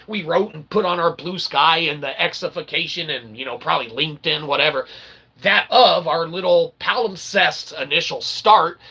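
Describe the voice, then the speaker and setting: Bright, pushed, and somewhat high, this man's voice has a gravelly, breathy edge. Hosting his independent philosophy channel, he wanders through a wry, self-promoting monologue, repeatedly checking in with viewers by tacking on "okay."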